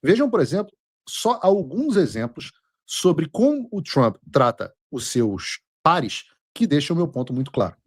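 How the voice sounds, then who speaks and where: A man's voice: a little high, sing-song, measured pace, no room sound, clean studio sound. A man with a Brazilian accent hosting opinionated political commentary, sarcastic and mocking. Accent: Brazilian Portuguese. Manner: sarcastic, mocking, translates clips aloud.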